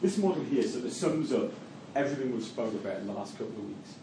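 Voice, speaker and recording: A middle-aged man with a Geordie accent from Newcastle, England, lectures at a university and leads a class discussion, speaking quickly in a medium-pitched voice with lively intonation and vocal fry. He sounds hesitant, repeating words, restarting phrases and using many fillers. The recording is distant and echoey, with faint noise.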